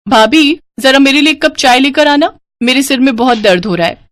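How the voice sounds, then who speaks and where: A woman's voice: high-pitched, animated, fairly quick, a little hiss or hum, voice pushed up. A woman voicing a spiteful, scheming young sister-in-law in a storybook tale, accusing and dramatic. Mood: shrill accusing. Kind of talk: storybook voice acting.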